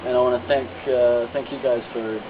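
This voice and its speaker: A man's voice: medium pitch, flat delivery, moderate pace. Casual man on a dull, noisy recording. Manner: casual, uses you know and like. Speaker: customer giving a testimonial. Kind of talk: unscripted testimonial.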